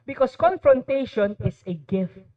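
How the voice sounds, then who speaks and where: Filipino guy, high voice, lively seminar talk mixing tagalog and english, muffled lo-fi sound. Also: unhurried. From Philippines. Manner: animated, mixes Tagalog and English, quizzes the audience. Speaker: motivational speaker. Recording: dull lo-fi recording.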